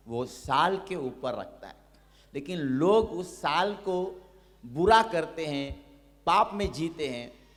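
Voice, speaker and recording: In a church hall, a male pastor with a medium-pitched voice preaches an exhorting sermon, repeating "hallelujah" and leading the people in a loud, impassioned prayer. The hall adds long reverb to the recording.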